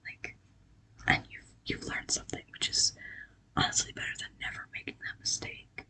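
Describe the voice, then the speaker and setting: An ASMR creator whispers affirmations and scripture as a pep talk, breathy, casual and halting, with gentle reassurance.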